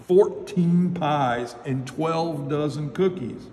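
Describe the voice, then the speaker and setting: A man's voice: slow pace, a little mellow. A man reading aloud and voicing a frantic male baker who shrieks for help, in an echoey hall with faint noise. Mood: panicked. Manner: shrill and panicked.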